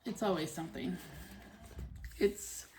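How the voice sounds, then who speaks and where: A woman casually narrating a hands-on task as a video host, unhurried and often counting to herself, in a noisy home recording. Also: lowish voice. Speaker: budgeting channel host. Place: at home, indoors.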